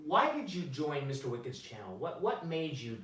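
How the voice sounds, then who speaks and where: A man in his forties hosting a casual interview with guests, jovial and quick to laugh, sincere when he thanks them. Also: a little high, big pitch swings, a bit bright, distant mic. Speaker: channel host interviewing guests. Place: hotel room at a theme-park resort. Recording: echoey room, voice from off-mic, faint noise.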